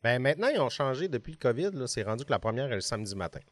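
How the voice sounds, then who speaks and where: A man's voice: mid-range voice, very animated, racing, no room sound, clean studio sound. A man of forty with a Lac-Saint-Jean Quebec French accent, a guest on a podcast, talking in a modest way and laughing easily. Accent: Quebec French, Saguenay–Lac-Saint-Jean. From Quebec, Lac-Saint-Jean region. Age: 40s. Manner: modest, laughs easily, mixes in English words. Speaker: podcast guest, TV fishing show producer. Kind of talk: casual chat. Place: his own office podcast studio.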